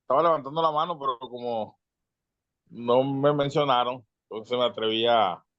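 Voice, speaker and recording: A man's voice: medium pitch, normal speed, dry recording. Earnest Venezuelan man on a dull video call. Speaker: audience member asking. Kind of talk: online panel comment.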